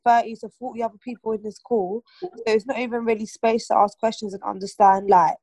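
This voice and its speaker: A woman's voice: on the high side, steady tone, brisk, warm tone, no echo. Young woman, casual group chat, rambling and filler-heavy, close dry sound. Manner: chatty, many fillers and restarts. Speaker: aunt and mother of a toddler.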